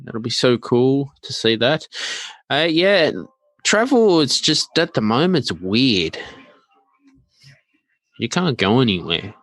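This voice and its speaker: Podcast sunucusu bir erkek; rahat ve duraksayarak konuşuyor, kuru ve yankısız bir kayıt. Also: male voice, medium pitch, sing-song, a bit bright, dry recording. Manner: laid-back, halting, many fillers and murmured agreement. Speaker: podcast host. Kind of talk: casual podcast chat.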